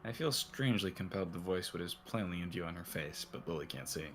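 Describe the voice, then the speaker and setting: A man's voice: deep voice, expressive, fast talker, fairly bright tone, slight background noise. A man reading a visual novel aloud as its narrator and lead, using a put-on cowboy drawl.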